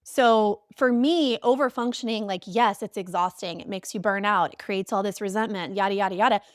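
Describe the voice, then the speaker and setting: A woman's voice: medium pitch, a little fast, no room sound, studio quality. A young adult woman speaking as a podcast guest and coach, emphatic and repeating key phrases for effect. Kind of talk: conversational podcast interview.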